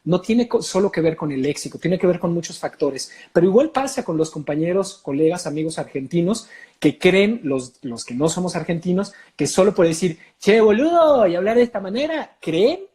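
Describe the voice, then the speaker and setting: A Mexican man coaching actors on voice explains his craft in a relaxed interview. His talk is lively and swings up and down in pitch, dotted with hesitant fillers. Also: fairly quick. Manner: animated, explanatory, many "eh" fillers. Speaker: voice and accent coach, guest.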